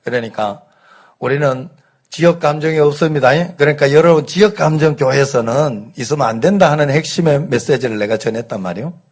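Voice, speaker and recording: A middle-aged pastor with a light Gyeongsang accent, preaching a conversational Sunday sermon, telling folksy stories and asking the congregation rhetorical questions. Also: male voice, medium pitch, fairly quick, a little mellow. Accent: light Gyeongsang dialect. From Gyeongsang region, South Korea.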